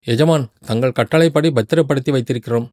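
A servile palace guard, as a male narrator puts him on, humbly making excuses to his master in an audiobook. Plain male pitch, dry and close. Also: quick pace, a little mellow, no echo, natural voice. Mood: defensive.

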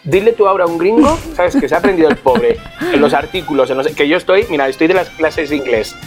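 A woman with a Spanish accent, chatting as a podcast co-host. Her voice sits low and swings widely in pitch as she talks. Music plays clearly behind her, and she keeps checking in with her listeners. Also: fast. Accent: Spain Spanish. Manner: animated, often tags "¿sabes?". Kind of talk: casual chat.

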